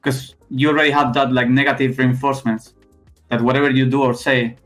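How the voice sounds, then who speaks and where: A young man from Spain with a thick Spanish accent, a guest in a casual interview, talking haltingly with many restarts and fillers. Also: medium pitch, level tone, faint music behind. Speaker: esports player guest.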